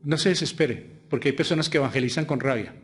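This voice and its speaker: A man preaching a sermon as pastor, with a Colombian Spanish accent, asking rhetorical questions and swinging between loud emphatic lines and quiet asides. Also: mid-range voice, quick pace.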